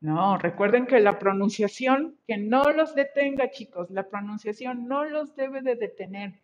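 A woman teaching an online English class, switching between Spanish and a Mexican-accented English, encouraging her students and slowly repeating their answers. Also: a little high, expressive. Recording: dull lo-fi video call audio.

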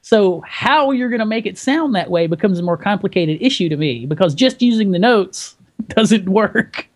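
A man's voice: sits high, animated, moderate pace. A man from Tennessee with a mild Southern accent, co-hosting a podcast in a rambling, casual way. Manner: rambling, talks with many fillers. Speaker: podcast co-host.

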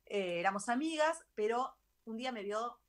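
A middle-aged woman with a Rioplatense Spanish accent, a guest telling her story in a chatty, animated radio interview. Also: a little high, moderate pace. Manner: animated, chatty, laughs easily. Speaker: guest, travel author. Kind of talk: casual interview talk.

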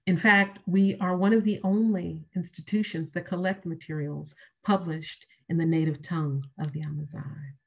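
A middle-aged woman giving a prepared keynote lecture over a video call from a room at home, speaking in a measured way with emphatic, repeated key phrases. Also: on the low side, fairly even intonation, vocal fry, breathy edge, lo-fi sound. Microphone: webcam on a video call.

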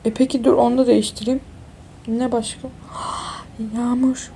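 Young woman yapping through a game, kinda tired, gravelly voice, bit high. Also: level tone, moderate pace, warm tone, a little hiss or hum. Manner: chatty and exclamatory, addresses viewers as friends. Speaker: gaming YouTuber. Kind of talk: casual game walkthrough commentary.

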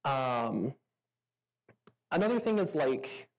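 On a stage before a venue audience, a woman fields questions at a meetup, chatting casually with plenty of fillers and frequent laughter. Her bass voice is slow, sing-song and a little mellow, and the recording quality is low.

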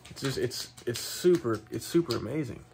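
A man's voice: mid-range voice, normal speed, vocal fry, slight background noise. Chatty young man vlogging at home. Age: young adult. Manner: relaxed, chatty, talks to the camera and his dog. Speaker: outdoor gear vlogger. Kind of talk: casual vlog walkthrough. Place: home basement room, indoors. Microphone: phone camera held close.

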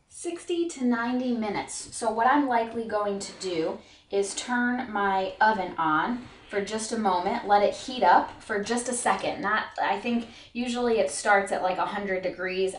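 A woman's voice: medium pitch, a little hiss or hum. Young woman, homestead cooking vlogger, casual and chatty, recorded in a roomy kitchen. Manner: chatty, thinking aloud with fillers. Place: home kitchen. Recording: echoey kitchen.

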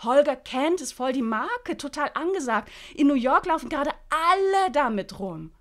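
Woman reads breezy trendy stylist, all enthusiasm, high and lively. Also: moderate pace. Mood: gushing. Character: trendy, gum-chewing young stylist woman.

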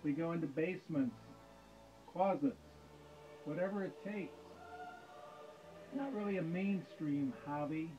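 A middle-aged man giving a joking keynote speech in a dim home planetarium room, dry and deadpan, speaking into a stand mic. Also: a little high, a little slow, pauses often, muffled recording, faint music behind. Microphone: stand mic, camera in front.

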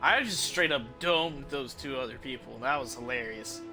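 Game music plays under a young man's irreverent live-stream chatter as he plays a video game, swearing casually. He speaks in a mid-range voice at a moderate pace.

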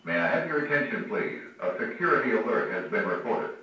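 A man calmly repeating a recorded security alert, heard over a building intercom. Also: medium pitch, gravelly, highs cut off. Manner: calm, measured, repetitive. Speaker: building announcement. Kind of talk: recorded looping alarm announcement. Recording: echoey loudspeaker heard from far off.

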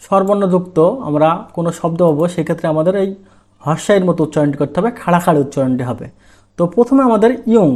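A man with a high voice teaches a language lesson. He explains each step slowly and in order. He often asks a question and then answers it himself. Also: a little mellow.

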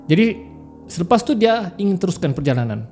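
A man tells horror stories in a relaxed, conversational way and often turns to his listeners. His voice is mellow and dark. Faint music plays underneath. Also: sits high, brisk. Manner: chatty, addresses listeners as guys. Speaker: horror story podcaster. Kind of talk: casual horror storytelling.

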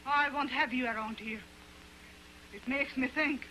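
A frightened young wife in an early talkie, pleading and distressed. Her voice rides high and bright, with a tight, urgent ring to it. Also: a little slow, a little hiss or hum, poor audio. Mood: defensive. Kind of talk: early sound film acting.

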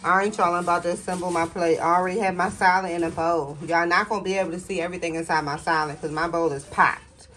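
A woman with a fairly low, slightly bright voice talks fast in a steady tone with few pauses. She's a home cooking vlogger filming on her phone in her kitchen, chatting folksily and addressing her viewers as "y'all."

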